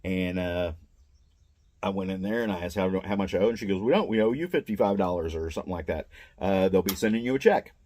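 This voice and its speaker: A man's voice: low voice, fast, darkish tone. An older man, retired, telling a meandering, plain-spoken story about trouble as a vendor at a mall booth. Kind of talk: casual first-person storytelling.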